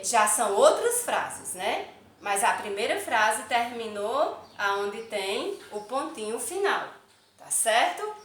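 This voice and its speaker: A woman teacher, giving a slow literacy lesson to young children, counting aloud and asking questions. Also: on the high side, pushed and bright, slight background noise. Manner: asks many questions, counts aloud, tag questions like "não é isso?". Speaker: primary school teacher. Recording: echoey room, mic at a distance.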